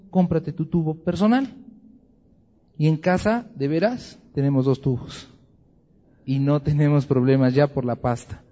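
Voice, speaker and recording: A man teaching a Bible class with humor, acting out little scenes. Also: a little high. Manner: humorous, lively, acts out scenes. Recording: dull lo-fi recording in a reverberant hall.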